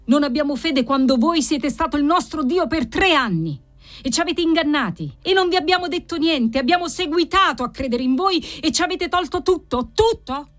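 Woman putting on an old man, furious, shrill, loud ranting, storybook reading. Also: lively intonation, moderate pace. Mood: outraged.

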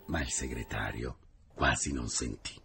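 A man reading a classic novel aloud in a measured, expressive, often hushed way. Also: rumbling low, creaky. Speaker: reader. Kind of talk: literary audiobook reading.

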